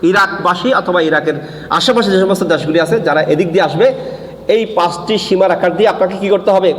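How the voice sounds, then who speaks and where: A man's voice: sits high, a little fast. A man preaching a religious lesson, asking his listeners questions and answering them himself while repeating the key points. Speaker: Islamic preacher. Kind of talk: sermon-style religious lesson. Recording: echoey hall with long reverb.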